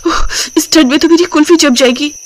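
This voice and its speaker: A woman's voice: high-pitched, a little fast, pitched above the performer's own voice, lightly acted. A woman voicing a young new bride in a cartoon story, talking in a fretful, exclaiming way.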